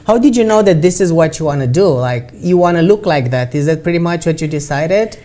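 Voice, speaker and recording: A woman hosts an interview in a studio with an upbeat, encouraging manner. Her voice sits a little lower than most women's. She often checks in with her guest with a quick "right?" at the end of a question. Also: expressive, mellow. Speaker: talk show host. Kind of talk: hosted interview.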